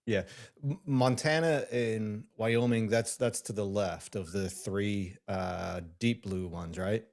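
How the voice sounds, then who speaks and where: Low-voiced self-deprecating male co-host. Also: slow, gravelly, a little mellow. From Scotland. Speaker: podcast co-host. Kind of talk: casual chat.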